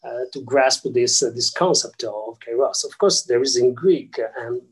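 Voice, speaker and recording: A non-native English speaker with an Italian accent, a scholar appearing as an interview guest, explains physics and theology. He pauses often with filler sounds and restarts sentences. His mid-range voice is slightly rough, and so is the recording.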